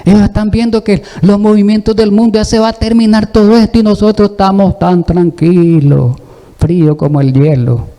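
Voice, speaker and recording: A man's voice: high-pitched, steady tone, normal speed, warm tone. A man preaching a sermon, exhorting the congregation and asking it rhetorical questions.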